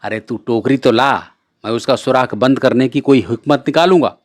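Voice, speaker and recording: A man's voice: medium pitch, normal speed, no echo, studio quality, lightly acted. A man voicing a bossy older brother who scolds his little sister in a brusque, impatient way.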